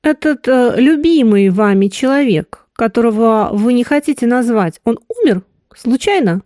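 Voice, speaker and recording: A woman doing a calm, probing man. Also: fairly high pitch, normal speed, no echo, clean studio sound, natural voice. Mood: coolly probing. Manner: calm, level questioning. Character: calm, cool-headed man questioning a woman.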